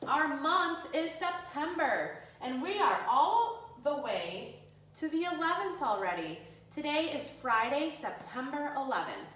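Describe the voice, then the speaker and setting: A woman teaching young children like a kids show host, encouraging and sing-song, pausing for them to answer. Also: sits high, big pitch swings, a bit bright, reverberant, slight background noise, low-quality recording. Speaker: early grade school teacher leading a remote morning class. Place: indoors at a school.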